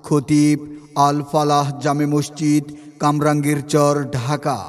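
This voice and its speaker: A man calls out an event announcement in loudspeaker style, chanting each detail in a sing-song way. His pitch sits a bit high and barely moves. A long reverb trails behind him, with faint music underneath. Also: completely flat delivery, slow.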